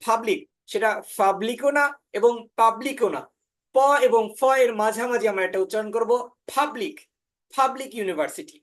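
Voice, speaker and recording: A woman from Bangladesh, giving an online orientation lecture as a spoken English teacher. She often pauses on "ah" fillers and says words over slowly to model how they are pronounced. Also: on the high side, steady tone. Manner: demonstrates pronunciations by repeating words slowly.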